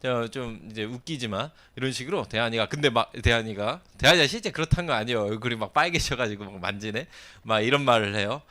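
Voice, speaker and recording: A man's voice: medium pitch, fast talker, few pauses, pushed and bright. A middle-aged man preaching a casual sermon to teenagers, acting out the story and often checking that they follow. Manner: chatty, acts out the story, keeps checking understanding. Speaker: youth pastor.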